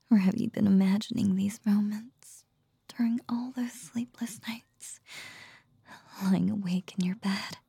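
A woman's voice: medium pitch, mellow, no echo, exaggerated voice. A woman whispering as a nine-tailed fox goddess. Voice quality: breathy, husky whisper. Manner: slow, intimate, teasing whisper. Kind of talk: whispered ASMR roleplay.

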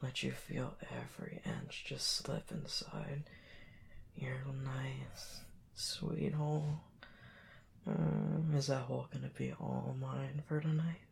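A man performing an intimate audio roleplay, talking in soft whispers with drawn-out murmurs and sighs. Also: medium pitch, sing-song, gravelly, a little hiss or hum.

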